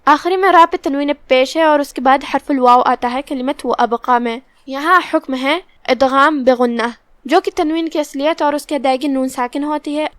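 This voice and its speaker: A woman teaching the rules of Quran recitation, explaining each letter step by step and then reciting slowly and drawn out. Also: high-pitched, no room sound. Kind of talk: tajweed lesson with slow recitation.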